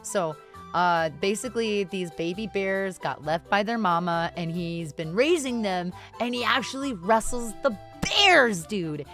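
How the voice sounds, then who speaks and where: A woman's voice: mid-range voice, expressive, a bit bright, soft background music. A woman livestreamer giving casual, slangy reaction commentary in an informal, exclaiming way. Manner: drawn-out amused exclamations, informal slangy talk. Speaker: streamer reacting to a video.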